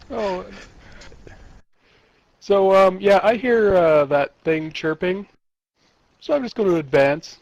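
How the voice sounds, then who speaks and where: High-voiced man playing a tabletop game. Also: lively intonation, a little slow, no echo, dull audio.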